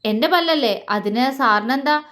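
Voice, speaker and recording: A woman's voice: sits high, unhurried, fairly bright tone. A woman voicing a scared then feisty young student. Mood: angry. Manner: tense, pleading then snapping.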